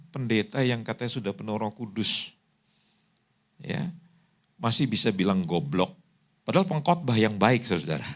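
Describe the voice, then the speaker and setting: A male pastor preaching a sermon, telling lively stories and acting out the people in them. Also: mid-range voice. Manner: animated storytelling preacher, acts out quoted voices. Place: church hall.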